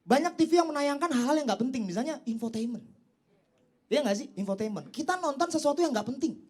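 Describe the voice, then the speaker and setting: A young man performing a stand-up comedy set on stage, teasing the crowd and leaping up in pitch for his punchlines. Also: expressive, brisk, a little mellow. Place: comedy stage before a live audience. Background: audience laughter and applause.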